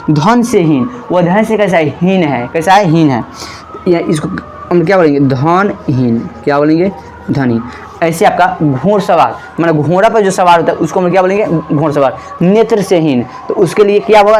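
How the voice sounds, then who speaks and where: A man's voice: sits high, a little hiss or hum, rough recording. A man teaching a grammar class who asks questions and then answers them himself, stretching out words as he writes on the board. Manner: drawn-out words while writing on a board.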